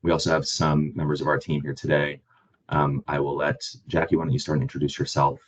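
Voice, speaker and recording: A man hosting an online grant presentation, hoarse from a cold, speaking in a plain, halting way with frequent ums. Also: very deep voice, flat delivery, muffled recording. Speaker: webinar host and grant manager.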